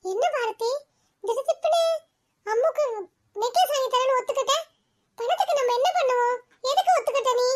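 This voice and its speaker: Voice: very high-pitched, a little fast, pauses often. ஒரு குரல் நடிகர் பணக் கஷ்டத்தில் சோர்ந்த இளம் கணவனாக, கெஞ்சும் தொனியில் பேசுகிறார். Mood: worried. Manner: pleading, complaining. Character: distressed young husband, worn down by money troubles.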